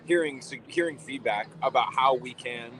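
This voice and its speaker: A man's voice: mid-range voice, moderate pace. A man live-streaming outdoors, answering his chat in a casual, hesitant way and often rephrasing himself. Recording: crowd noise behind. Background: crowd chatter.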